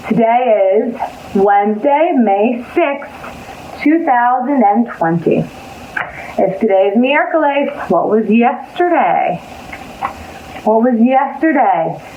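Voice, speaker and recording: A woman speaks in a kindergarten teacher voice, fairly high and unhurried. She leads young children through circle time with simple questions and plenty of repetition. The sound is dull, with noise behind her. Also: darkish tone. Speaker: preschool teacher. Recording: muffled lo-fi with clear background noise.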